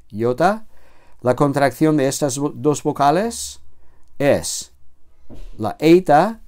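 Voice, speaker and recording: A man's voice: mid-range voice, darkish tone. A man with a Spanish accent from Spain, a theology professor giving a patient recorded lecture, explaining step by step and correcting himself as he goes. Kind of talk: recorded lecture on biblical Greek.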